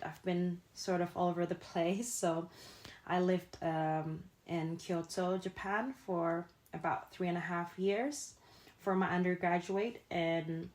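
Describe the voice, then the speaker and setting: A young woman from Indonesia hosts a casual podcast chat in a fairly low voice. She talks earnestly and keeps pausing on fillers as she gathers her thoughts. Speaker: podcast host, founder.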